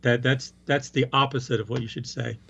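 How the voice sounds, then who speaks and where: A man's voice: medium pitch, little pitch movement, brisk, creaky, bright, forceful tone, husky. Man giving his opinion firmly, says things twice, kinda muffled lo-fi sound. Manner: emphatic, repeats his points. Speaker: co-host discussing a film. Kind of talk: casual chat.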